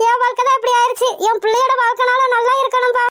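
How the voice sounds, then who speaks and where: A woman's voice: very high voice, level tone, very fast, pushed and bright, no room sound, studio quality. A woman voicing a distressed mother in a cartoon, begging and cursing to protect her daughter.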